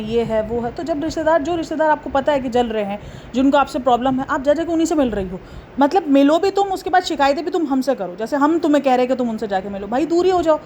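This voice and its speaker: A woman with a high voice talks straight to her viewers in a casual commentary vlog. She scolds and fires off rhetorical questions in an exasperated tone. A faint hiss of noise sits under her voice. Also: darkish tone. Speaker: commentary vlogger, channel host.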